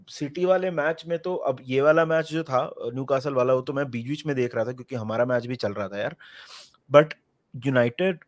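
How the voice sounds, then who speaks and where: Male panelist from India, slightly high voice, excitable and rambling, dry close mic. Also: no room sound. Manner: animated, rambling, frequently forgets names. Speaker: football podcast panelist. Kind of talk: casual football chat mixing Hindi and English.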